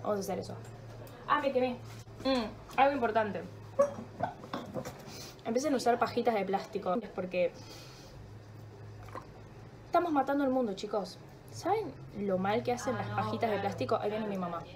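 A young woman with a Rioplatense accent vlogs from her home kitchen in a voice on the high side, at a moderate pace with long pauses. Despite a sore throat and stuffy nose, she rambles chattily, jokes at herself and swears freely.

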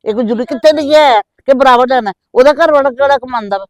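A woman's voice: high voice, fast, no room sound, distant mic, natural voice. A middle-aged woman playing a scheming mother who scolds and nags her married daughter in a scripted family skit. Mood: scolding. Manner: nagging, scolding. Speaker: mother on the phone.

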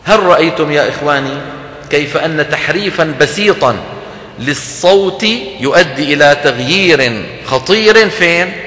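Male lecturer, forceful bright voice, teaches by questions and sound demos, hall echo. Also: on the high side, expressive, normal speed. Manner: explanatory, asks the audience questions and demonstrates sounds. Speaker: lecturer on Quran recitation. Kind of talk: religious lecture to an audience. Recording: echoey hall recording.

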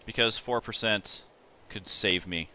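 A man giving casual, excitable and jokey gameplay commentary as he hosts a livestream. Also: on the low side, unhurried. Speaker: livestream gamer host. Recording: faint game noise behind.

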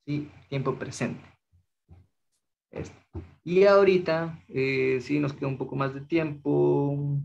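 A young man with an Ecuadorian Spanish accent teaching an online language class, patient and slow, often checking in with his students. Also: on the high side, steady tone, gravelly, a little mellow, dull audio. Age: young adult. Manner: patient, slow drilling of phrases, checks in with frequent "¿sí?".

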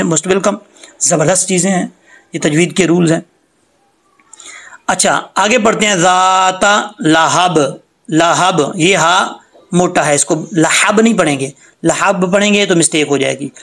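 High raspy guy teaching quran reading, slow patient explaining, chants the words out long. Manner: draws out recited words in a chant. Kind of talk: screen-recorded recitation lesson.

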